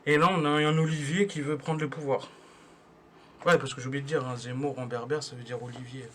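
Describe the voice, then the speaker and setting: A man's voice: mid-range voice, steady tone, a little fast, fairly bright tone, slight background noise. A young man doing a stand-up comedy monologue at home, telling a rambling slangy story full of restarts.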